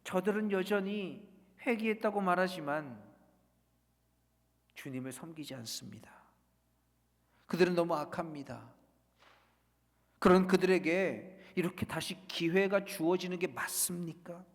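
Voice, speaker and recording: A man preaching as pastor in a church, his voice sitting a little high for a man and carrying a long reverb from the large room around him. He swings between loud, urging passages and hushed, almost whispered ones. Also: a little slow, pauses often. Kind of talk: sermon.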